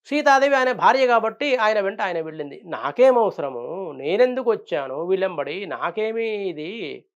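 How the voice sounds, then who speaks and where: A man's voice: sits high, lively intonation, normal speed. A man voicing a young prince who grumbles about his lot and then grows ashamed, told with self-reproaching musings on a dull lo-fi recording. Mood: grumbling regret. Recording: dull lo-fi sound.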